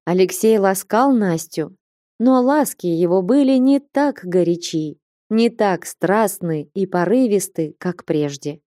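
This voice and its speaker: A woman narrating classic prose as an audiobook, measured and expressive. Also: medium pitch, dry recording, clean studio sound.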